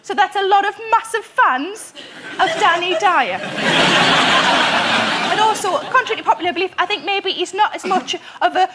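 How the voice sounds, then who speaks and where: A woman's voice: very high voice, measured pace, a loud crowd, heavy background noise. A woman arguing her side on a comedy panel show, with dry mocking jokes and chuckles of her own. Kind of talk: comic stand-up argument.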